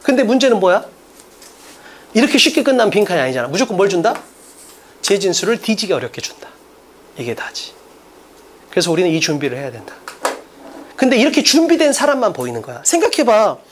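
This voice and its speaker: Emphatic male exam lecturer, lively pitch. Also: brisk, pauses often, a little hiss or hum. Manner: emphatic, quizzes listeners with rhetorical questions, blunt casual speech. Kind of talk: energetic classroom lecture.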